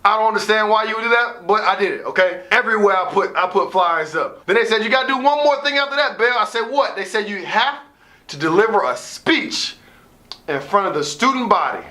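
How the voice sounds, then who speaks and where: Speaking fairly quickly with a high, bright, forceful voice and animated delivery, this American motivational storyteller relates a personal experience. He advises student athletes and plays it theatrical, repeating points for emphasis and acting out conversations.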